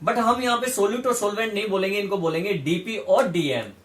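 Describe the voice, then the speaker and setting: A man with a high-pitched voice teaches chemistry as a classroom lecture, walking through each idea step by step and repeating the key terms. He sounds set back from the mic, in a room with a noticeable echo. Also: brisk, a bit bright, far from the mic.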